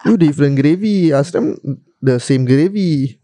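A man chats in casual Malaysian-Singaporean English, peppered with Malay slang and particles. His tone is soft and mellow, recorded close and dry, like a relaxed podcast co-host bantering with friends. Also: on the high side, normal speed, dry recording.

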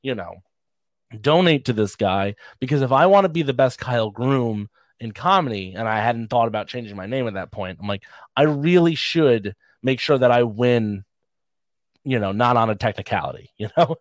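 A man's voice: mid-range voice, expressive, moderate pace, no room sound. A man, a comedian, chatting casually on a podcast with a mid-range voice. He rambles through self-deprecating stories and laughs at his own punchlines. The sound is dry and close. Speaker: comedian guest.

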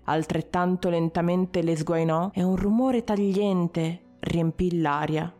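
A woman narrating a story in a measured way, with short dramatic pauses. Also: on the low side, warm tone.

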